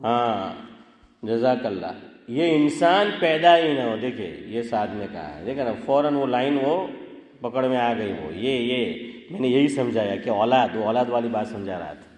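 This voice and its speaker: A man's voice: mid-range voice, animated, a little mellow. Preacher man in an echoey hall. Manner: conversational, questions the audience, sings Arabic verses. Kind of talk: informal religious talk to a gathering. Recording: echoey hall with long reverb.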